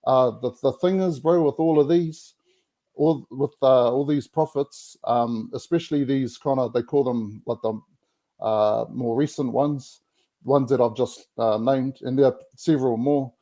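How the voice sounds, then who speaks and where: Man, broad Kiwi accent, mellow tone, medium pitch, casual conversation, colloquial, Māori words mixed in. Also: a little slow. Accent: broad Kiwi, Māori New Zealand English. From New Zealand. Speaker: podcast guest.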